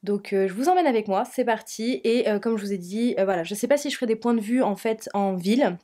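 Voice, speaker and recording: Young female book vlogger, informal and enthusiastic, mid-pitched voice under a head cold. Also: fast talker, dark tone. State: sick with a cold and sore throat. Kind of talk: casual chatty vlog to camera.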